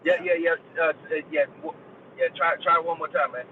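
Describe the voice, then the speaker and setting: A man's voice: fairly high pitch, fairly even intonation, a little fast. Man on a tinny call that keeps cutting out. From California. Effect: audio cutting in and out over a call line. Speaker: guest. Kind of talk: casual chat on a video call. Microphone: video call. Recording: tinny call line with faint noise.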